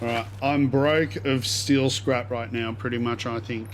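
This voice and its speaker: A man's voice: medium pitch, fairly even intonation, measured pace. Guy streaming a game, rambly and slangy, noise behind him. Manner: slangy, rambling, thinking aloud. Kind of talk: casual live gameplay commentary.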